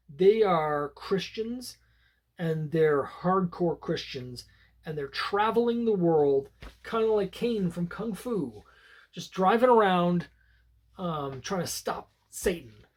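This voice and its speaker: A man's voice: high voice, darkish tone. Rambling, conversational male comic reviewer. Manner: rambling and conversational, with many fillers and restarts. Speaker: comic book collector and reviewer. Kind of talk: casual comic book review.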